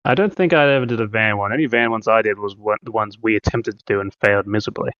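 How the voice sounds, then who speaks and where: A man's voice: on the low side, quick pace, no echo. A man on a casual gaming podcast, wry and self-mocking. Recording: dull lo-fi mic.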